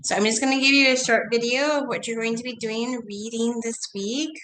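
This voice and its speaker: This teacher's voice is a little high and a bit bright, brisk in pace with fairly even intonation, though a cold has left her congested, nasal, and losing her voice. She runs a chatty online read-along, coaxing the class and asking them questions. A faint hiss runs under the low-quality recording.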